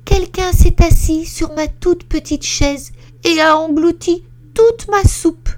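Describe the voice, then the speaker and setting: A woman voicing a tiny male bear cub in a read-aloud storybook, with a squeaky, shrill little voice. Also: takes it slowly, a little mellow. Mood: plaintive. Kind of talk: storybook reading.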